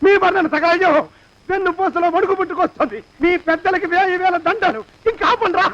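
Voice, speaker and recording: An actor playing a stingy, panicky landlord who grumbles and haggles in a film scene. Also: male voice, extremely high pitch, brisk, a bit bright, lo-fi sound. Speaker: miserly master.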